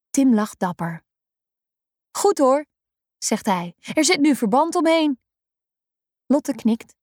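A woman reading a children's story aloud, gently and expressively. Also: on the high side, no room sound, studio quality.

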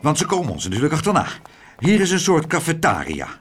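A man voicing a flustered man on the run who speaks in hushed, breathless tones. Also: a little high, huge pitch swings, quick pace, slight background noise, pitched above the performer's own voice.

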